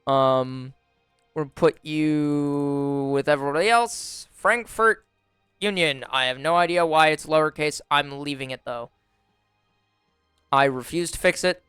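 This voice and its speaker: A young man giving relaxed, wry commentary on a strategy game simulation, with frequent fillers, recorded close on a desk mic at home. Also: on the high side, a little slow, clean tone, no room sound. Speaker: gaming YouTuber. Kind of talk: casual gameplay commentary. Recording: dry close voice over faint music. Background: faint background music.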